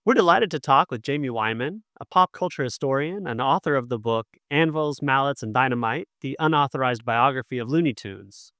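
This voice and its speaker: A man's voice: medium pitch, fairly quick, few pauses, sharp tone, no echo, studio quality. A man co-hosting a podcast, introducing a guest and asking questions in a conversational way. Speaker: podcast co-host. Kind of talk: interview questions.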